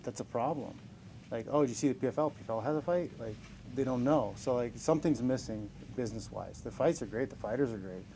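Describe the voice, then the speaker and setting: A professional fighter in his forties handles a casual press scrum, loose and upbeat, chuckling and poking fun at his own age between answers. He talks fast in a dark-toned, everyday middle pitch, and the poor audio carries a faint hiss.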